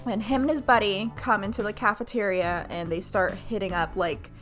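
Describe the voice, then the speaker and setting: With faint music playing behind her, a woman from Florida speaks at a moderate pace in a mid-range voice and an American accent. Telling her live stream chat an honest story about herself, she's animated and self-deprecating, acting out quoted lines while swearing, using slang, and saying "like" constantly.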